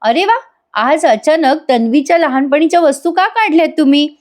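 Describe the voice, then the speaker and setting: A woman with a Marathi accent voicing a gentle, concerned sister-in-law, in a serial recap. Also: high-pitched, normal speed, pitched above the performer's own voice, natural voice.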